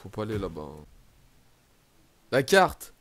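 A young man from France giving excitable, swearing commentary while playing a game, shouting in panic at times. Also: fairly low pitch, measured pace. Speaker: gaming YouTuber. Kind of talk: let's play commentary.

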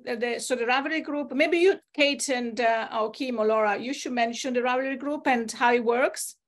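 A woman hosts a relaxed group video call, her voice pitched high. She reads out a long list of places, filling the gaps with ums and uhs. The sound is that of a laptop mic. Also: normal speed. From Italy. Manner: reads out names and places, with fillers. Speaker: host.

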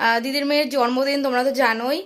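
A woman chatting casually to her viewers in a home vlog, her voice a little hoarse. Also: high-pitched, fairly even intonation, rapid-fire, fairly bright tone. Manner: chatty, addresses viewers directly. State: voice getting hoarse. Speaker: vlogger.

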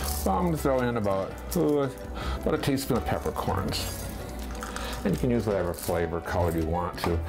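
A man, hosting a casual home cooking demonstration and talking through each step in a relaxed, chatty way. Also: fairly low pitch. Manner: relaxed, chatty, thinks aloud with fillers. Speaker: cooking show host. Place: home kitchen, indoors. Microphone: fixed camera at a distance. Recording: home kitchen with background music. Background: background music.

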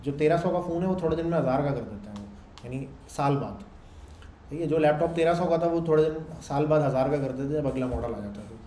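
A man, lecturing a class loudly in a conversational way and often checking in with the students. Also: on the high side. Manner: loud, conversational teaching with frequent check-ins to the class. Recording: echoey room with faint background noise.

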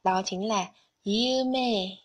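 A woman's voice: medium pitch, drawn-out words. A woman narrating a scripted Japanese lesson, carefully explaining vocabulary and kanji one item at a time. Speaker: Japanese language teacher.

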